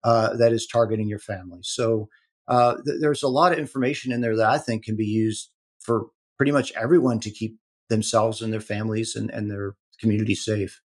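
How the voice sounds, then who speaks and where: A man speaking as a guest in an interview, explaining in an earnest, halting way with many repeated words. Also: lowish voice, fairly even intonation. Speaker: protective intelligence executive, guest. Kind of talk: conversational interview talk.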